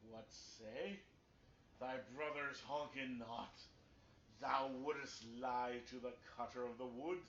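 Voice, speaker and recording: A man's voice: mid-range voice, steady tone, takes it slowly, fairly bright tone, a little hiss or hum. A stern woodcutter interrogator, played by a man, pressing questions in grave mock-archaic speech. His voice sits in a middling range and comes through a roomy, dull stream mix.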